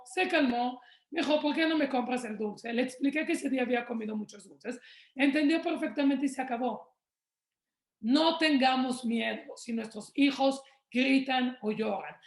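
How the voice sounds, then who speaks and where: A woman's voice: high-pitched, echoey room. A woman, answering questions in a webinar on raising children and telling stories from her own family. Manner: warm storytelling, acts out quoted dialogue. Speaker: parenting speaker.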